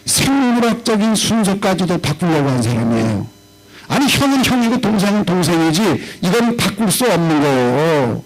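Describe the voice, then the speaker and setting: A middle-aged pastor with a Chungcheong accent delivers a lively revival sermon in a fairly high voice. He acts out quoted voices and swings between raised and low tones. A faint electrical hum sits under his voice. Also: moderate pace, soft background music, low-quality recording. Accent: Chungcheong Korean. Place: church revival meeting hall.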